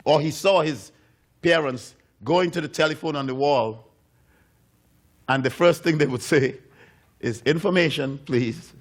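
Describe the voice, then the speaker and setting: A man preaching a sermon in a church, telling a story with animated delivery and acting out the voices of its characters. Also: on the high side, a little slow, long pauses. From United States. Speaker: pastor.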